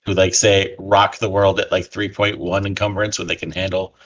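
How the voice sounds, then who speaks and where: A man plays a tabletop game and chats casually. His voice sits a little low, and he talks in a playful, joking way. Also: level tone, normal speed, a bit bright, lo-fi sound. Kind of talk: casual chat.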